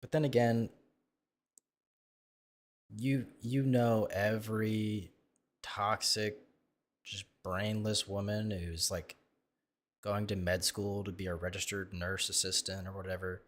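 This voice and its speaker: A man with a lowish voice tells a story in an offhand, rambling way. He is crude and self-mocking and keeps restarting his sentences as he reacts to videos. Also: level tone, slow pace, long pauses.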